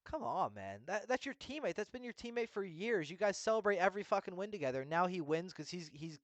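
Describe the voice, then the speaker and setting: A man's voice: high voice, big pitch swings, a little fast, dry recording. Young man, profane heated rant, casual recap host, dry close sound. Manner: profane, heated, swears constantly.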